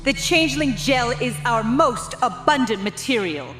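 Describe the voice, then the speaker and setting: A woman's voice: on the high side, expressive, a bit bright. A woman voicing a regal, scheming insect-like changeling queen in a fantasy audio story, grandiose and menacing. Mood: lofty, explanatory. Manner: slow, grandiose, deliberate monologuing. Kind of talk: dramatic audio story acting. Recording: music behind the voice.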